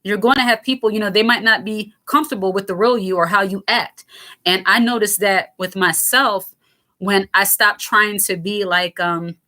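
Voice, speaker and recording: A woman in her thirties hosts a casual commentary, responding to viewer comments in a raspy, lower voice. Her delivery is frank and lighthearted, full of fillers and self-interruptions, at a normal speed with a sharp tone.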